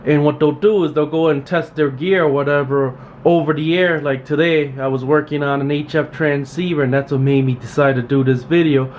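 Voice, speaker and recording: A man with a slightly high voice talks a little fast and barely pauses while hosting an unscripted tool tutorial as a radio repair technician. His style is plain and repetitive, full of emphatic practical advice. The audio is muffled, with steady background noise and room ambience.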